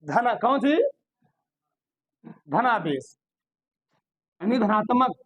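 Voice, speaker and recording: A man's voice: sits high, animated, extremely slow, a bit bright, no echo. A man teaching a chemistry class in Hindi. He keeps posing questions to his students, answers them himself, and repeats key terms for emphasis. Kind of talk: classroom lecture.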